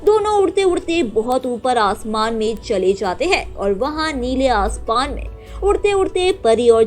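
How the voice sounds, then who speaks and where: A woman narrating a children's story in an animated, sing-song way. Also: high voice.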